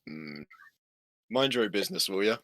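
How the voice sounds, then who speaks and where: A man voicing a rude, grumpy male tavern patron who talks in a gruff, dismissive way. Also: on the low side, expressive, normal speed, bright, forceful tone, no echo, studio quality, pitched below the performer's own voice. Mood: grumbling.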